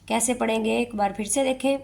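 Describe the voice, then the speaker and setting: Lady tajweed teacher, kinda high voice w gravelly edge, keeps asking "okay?". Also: steady tone, darkish tone. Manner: checks in often with a rising "okay?", repeats each word slowly. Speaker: Quran recitation teacher. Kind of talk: tajweed lesson, explaining rules then reciting verses slowly.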